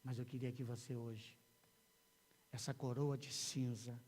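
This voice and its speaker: A male pastor with a Brazilian accent preaching a sermon in a church, telling a story with many repeated words and swings from hushed to loud. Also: medium pitch, flat delivery, unhurried. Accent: Brazilian Portuguese. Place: church sanctuary. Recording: long church hall reverb.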